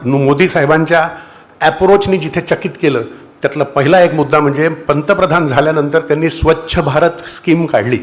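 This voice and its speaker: A man with a Marathi accent, a doctor, giving a formal, measured speech at a public meeting, with a few hesitations. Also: a little high. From India. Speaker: doctor addressing a political meeting.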